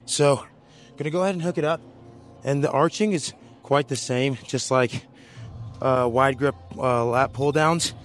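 A man's voice: mid-range voice, a little slow, soft background music. A young man coaching a back workout in a gym vlog, hyped and encouraging, calling viewers bro. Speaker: fitness coach.

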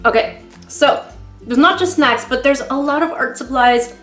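A woman's voice: sits high, normal speed, pushed and bright, echoey room, soft background music. A woman vlogger rambling in a casual unboxing chat, emotional and close to tears, laughing often. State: tearful, emotional.

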